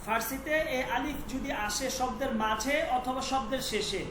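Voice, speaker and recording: A woman's voice: sits high, normal speed, reverberant, crowd noise, rough recording. A woman teaching Persian pronunciation in an online class, patiently repeating sounds and checking that students follow.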